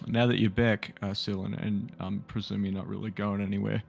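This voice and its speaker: A young man with a gravelly, slightly low voice, playing a tabletop game and hesitating often as he speaks. Faint music sits under the talk. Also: flat delivery, moderate pace, highs cut off. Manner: hesitant, many fillers. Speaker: player.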